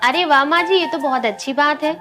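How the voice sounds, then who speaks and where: Actress for a dutiful daughter-in-law, high and polite, music under. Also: female voice, a little fast, close to an everyday voice. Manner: polite, respectful.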